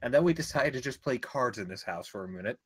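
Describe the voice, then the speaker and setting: Male player, husky voice, jokey and giggly. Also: mid-range voice, expressive, fast. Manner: joking, laughs often. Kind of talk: casual tabletop game chat.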